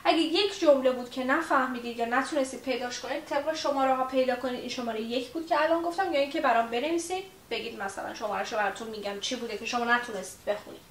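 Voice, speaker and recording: A woman teaching a casual language lesson in a chatty way, with many fillers, who repeats her example phrases slowly. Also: high-pitched, fairly bright tone. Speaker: English teacher. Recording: roomy echo, distant mic, faint hiss.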